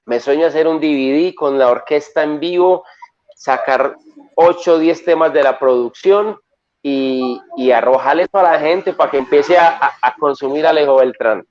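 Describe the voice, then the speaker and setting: A Colombian male singer talks in an animated, storytelling way, his voice sitting a little high for a man. The sound is dull and lo-fi, like a remote line into the show. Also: normal speed. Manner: lively, storytelling, enthusiastic. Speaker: singer and songwriter guest. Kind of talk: casual interview chat.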